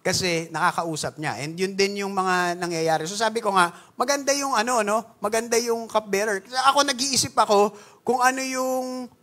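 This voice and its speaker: Lively high-voiced Filipino pastor. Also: male voice, normal speed. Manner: animated, playful, asks the congregation questions. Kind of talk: conversational Taglish sermon.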